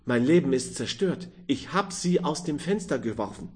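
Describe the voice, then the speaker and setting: A man voicing a fat, drunken fruit merchant who swings between loud exuberance and frantic, pleading fear in an audiobook. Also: fairly high pitch, expressive, moderate pace, breathy edge. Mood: desperate. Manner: boisterous shouting, then frantic pleading.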